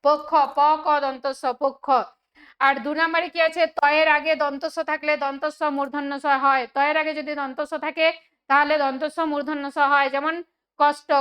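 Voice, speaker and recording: High, flat-voiced woman teaching. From West Bengal, India. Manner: asks questions then answers them, slowing to read examples. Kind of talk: exam solution lesson.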